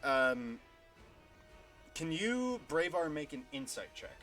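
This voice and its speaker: A man narrating as game master of a tabletop game, unhurried and hesitant, with many fillers. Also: a little high, sing-song, a bit bright, faint music behind.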